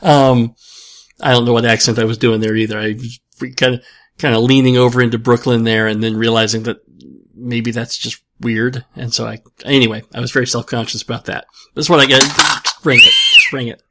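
A man's voice: medium pitch, little pitch movement, brisk, a bit bright. A man hosting a show, answering listener questions in casual chat, rambling and self-deprecating with many restarts.

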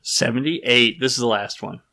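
A man co-hosting a casual podcast, reading listener questions and chatting with animated, exasperated reactions. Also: mid-range voice, moderate pace, gravelly, background noise. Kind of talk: casual chat.

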